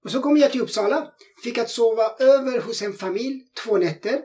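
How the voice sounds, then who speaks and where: A man's voice: very high-pitched, animated, darkish tone. A man telling a personal faith testimony in an interview, speaking in non-native Swedish and acting out the dialogue in his story with feeling.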